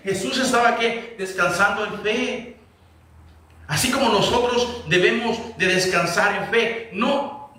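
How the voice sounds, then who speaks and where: A pastor preaches in a high, bright voice, pressing his congregation with question after question. His words ring through a very echoey church hall, and the mic sits some distance from him. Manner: asks the congregation repeated rhetorical questions. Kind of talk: sermon. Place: church sanctuary.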